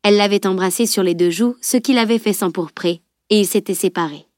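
A woman narrating an audiobook novel with a steady, even reading. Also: medium pitch, a little fast, no echo, studio quality. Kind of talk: scripted narration.

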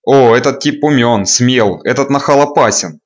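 A man's voice: medium pitch, normal speed, close to an everyday voice. A man voicing a sneering necromancer. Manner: contemptuous and taunting. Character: sneering, predatory male necromancer. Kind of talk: audiobook character voice.

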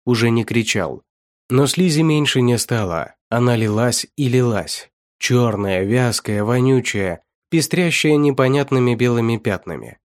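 A man reading a dark fantasy story aloud as narrator, steady and measured. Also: medium pitch, no echo, clean studio sound. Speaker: audiobook narrator. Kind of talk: scripted narration.

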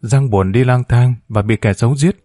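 A man's voice: mid-range voice, normal speed, warm tone, no room sound, studio quality, close to an everyday voice. A man voicing a sorrowful young man who speaks in a sad, choked voice in an audiobook.

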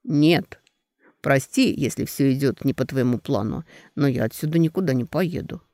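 A man voicing a calm, stubborn young man who quietly stands up to his mother in an audiobook. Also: on the high side, normal speed, gravelly, dry recording, clean studio sound. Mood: firm. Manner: quiet, calm, softly firm. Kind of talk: audiobook character voice.

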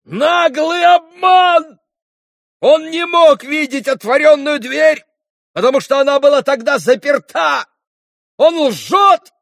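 A man's voice: very high-pitched, lively intonation, slow pace, gravelly, no echo, clean studio sound, voice pushed up, exaggerated voice. A frantic accused young man. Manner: shouting, breathless protests.

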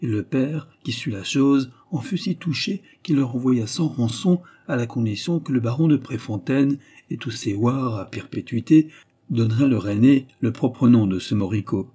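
A man's voice: mid-range voice, lively intonation, normal speed, dark tone, husky. A man reading aloud and voicing a big, awkward young nobleman pleading with the woman he loves. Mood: storytelling. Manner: earnest, pleading.

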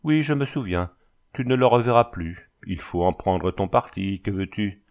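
A man's voice: lowish voice, animated, moderate pace, darkish tone, natural voice. A man reading a storybook voices a tall, cold bandit chief with a Flemish accent, speaking in a smiling, sing-song, commanding way. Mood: coolly threatening.

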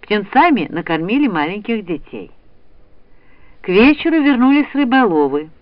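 High, lively male storyteller. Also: normal speed, dry recording. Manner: expressive reading. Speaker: narrator. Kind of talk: storybook narration. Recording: dull, slightly lo-fi recording.

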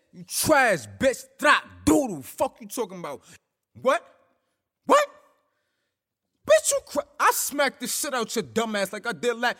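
A young man playing a jealous, violent boyfriend who yells profane threats and then drops into lowered hisses. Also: in a large hall, heavily acted. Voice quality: profane, menacing street talk. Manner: yelling, threatening, swinging between shouts and lowered hisses.

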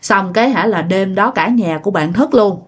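A woman's voice: medium pitch, normal speed, breathy edge. Chatty woman telling ghost stories. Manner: chatty, addresses listeners directly, dramatic. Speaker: storyteller. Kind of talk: oral ghost story narration.

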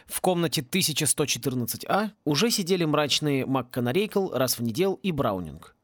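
Lively male audiobook narrator. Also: fairly high pitch, moderate pace, no echo, clean studio sound. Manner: ironic, lively storytelling.

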